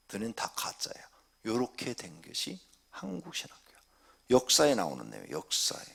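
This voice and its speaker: Middle-aged pastor, husky sermon voice, wildly varied pitch, loud-to-hushed delivery. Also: male voice. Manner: swings between loud shouting and hushed asides.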